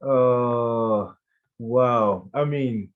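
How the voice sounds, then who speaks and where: A man moderating an interview, putting questions in a hesitant, halting way over muffled audio. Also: mid-range voice. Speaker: host, moderator.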